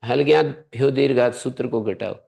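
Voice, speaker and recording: Gravelly-voiced man teaching a grammar class. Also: medium pitch, normal speed, darkish tone, dull audio. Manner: quizzes students, presses them to answer aloud; patient step-by-step explaining. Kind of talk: classroom lesson.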